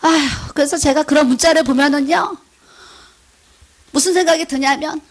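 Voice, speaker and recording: A woman's voice: sits high, fairly even intonation, moderate pace. A middle-aged woman, a pastor's wife, preaching a sermon in church, telling stories and acting out the dialogue, often laughing. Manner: storytelling, acting out quoted dialogue. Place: church sanctuary.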